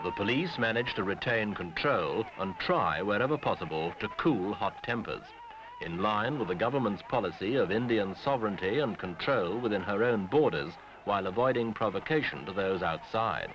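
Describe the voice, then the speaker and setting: A man giving grave, measured scripted narration in short phrases for an old newsreel soundtrack. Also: lowish voice, lively intonation, a crowd in the background, noisy background. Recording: dull lo-fi 1970s film sound with music.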